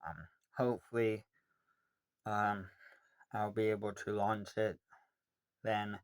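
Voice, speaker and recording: Teen guy rambling through a q&a, slow and kinda low voice, lots of ums. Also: steady tone, clear, resonant tone. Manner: rambling, hesitant, many ums. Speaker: vlogger answering questions. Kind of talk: casual Q&A monologue.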